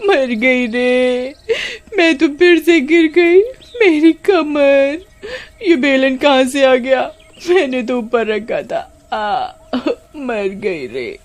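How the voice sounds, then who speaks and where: A woman's voice: medium pitch, animated, fairly quick, hardly any pauses, natural voice. A woman voicing a cruel, whiny young woman who shrieks and wails in a storybook tale. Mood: wailing. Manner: yelling, wailing.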